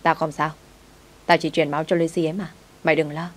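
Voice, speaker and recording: A woman's voice: low voice, little pitch movement, brisk. A woman voicing a brusque young man, the master of a rich house, curt and teasing with his servant.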